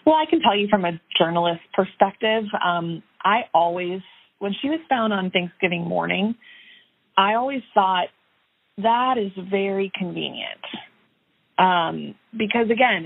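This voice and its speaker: A woman's voice: on the low side, husky. A woman investigative reporter talking through a case in a remote news interview, conversational with many fillers and restarts. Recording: tinny phone-like line.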